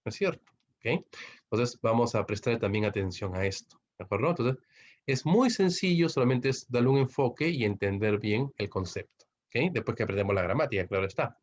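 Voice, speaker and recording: Man in a recorded online lesson, Peruvian Spanish accent, mid-pitched, steady explainer, muffled lo-fi audio. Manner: explains slowly with tag questions. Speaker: English teacher. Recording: dull lo-fi recording.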